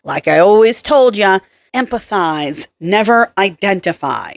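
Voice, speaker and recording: A woman narrator voicing a gruff older male psychiatrist with a nasal New York accent, blunt and wisecracking. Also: medium pitch, expressive, measured pace, no room sound, studio quality. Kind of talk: audiobook character voicing.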